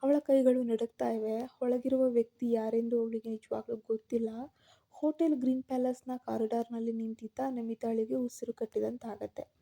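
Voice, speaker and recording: A woman storyteller reading a scripted story in a steady, measured way. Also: a little high, creaky.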